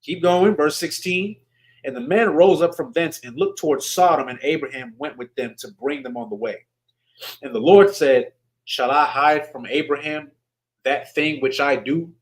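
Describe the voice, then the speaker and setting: With a fairly high pitch and a moderate pace, a man preaches conversationally at a religious service where he teaches. He reads scripture, asks his listeners questions, and speaks informally with words like "y'all," all on a low-quality recording.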